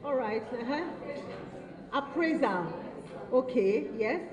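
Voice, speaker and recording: A woman's voice: sits high, animated, takes it slowly, a crowd in the background. A woman running an interactive workshop, repeating and affirming answers from the audience and teasing participants playfully. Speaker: workshop facilitator. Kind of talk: interactive training session. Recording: echoey hall, dull lo-fi sound.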